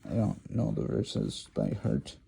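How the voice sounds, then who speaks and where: A man with a low, dark, gravelly voice talks through an informal lecture. He rambles and hesitates, filling gaps with ums and restarting his sentences as he draws. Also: sing-song, slow. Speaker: lecture host.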